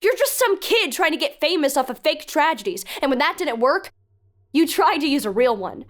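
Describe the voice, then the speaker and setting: In an audio drama, a woman plays an earnest, no-nonsense guide scolding a reckless youngster with urgent, stern emphasis. Her voice is high-pitched, very animated and fairly bright, at normal speed, and she sounds outraged.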